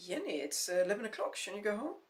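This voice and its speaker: A woman's voice: mid-range voice, big pitch swings, fast, close to an everyday voice. A woman voicing an earnest, cautious young man who speaks patiently and pleadingly. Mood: calm. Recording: roomy echo.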